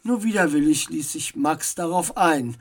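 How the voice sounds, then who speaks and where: A woman narrating a children's audiobook in a measured, expressive storytelling manner. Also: low voice.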